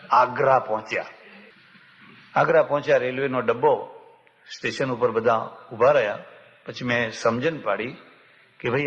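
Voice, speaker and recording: A Gujarati swami tells stories in a spiritual discourse and slips into the voices of the villagers in them. His mid-pitched voice has a long hall reverb, and the recording sounds dull and lo-fi. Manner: animated storyteller who acts out the villagers in dialogue.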